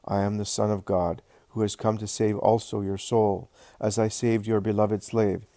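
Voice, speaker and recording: A man voicing Jesus, speaking in a measured, solemn way. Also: lowish voice, level tone, mellow, no room sound, close to an everyday voice. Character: Jesus, calm solemn male teacher.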